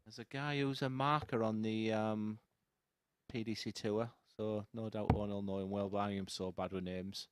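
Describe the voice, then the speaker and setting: A man's voice: on the low side, fairly even intonation, normal speed, clear, resonant tone. A man giving casual live darts commentary, bantering in a jokey, self-deprecating way.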